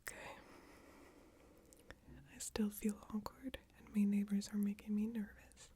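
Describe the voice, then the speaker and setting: A woman murmurs a soft ASMR bedtime ramble in a hushed, breathy whisper. Her delivery is slow and very even, with a hesitant, self-deprecating casualness. There is faint noise with occasional small crackles behind her. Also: medium pitch. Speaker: ASMR video creator. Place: small closed room with screens and a PC. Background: occasional crackling from screens and PC.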